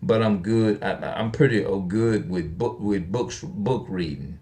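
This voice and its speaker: A man in his forties with a fairly low voice talks straight through an unplanned monologue. He presses his points with rhetorical questions and repeats himself, stumbling and restarting as he goes. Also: a little slow, dark tone. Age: 40s. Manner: repetitive, emphatic, rhetorical questions. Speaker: online video speaker. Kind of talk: unscripted monologue.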